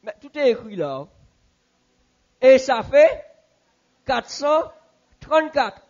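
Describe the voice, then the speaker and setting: A man teaching a Bible class in a church, asking the audience questions and repeating answers slowly. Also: extremely high pitch, very animated, darkish tone, lo-fi sound.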